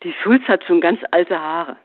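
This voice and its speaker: A man's voice: high voice, normal speed. A man voicing a weary middle-aged mother who is a school teacher. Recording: phone-like narrow band.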